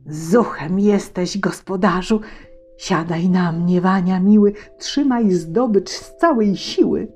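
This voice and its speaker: A woman's voice: lowish voice, takes it slowly, a little mellow, faint music behind. A woman voicing a small humpbacked magic horse, stern and wise, giving instructions in rhymed verse for a storybook reading. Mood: praising.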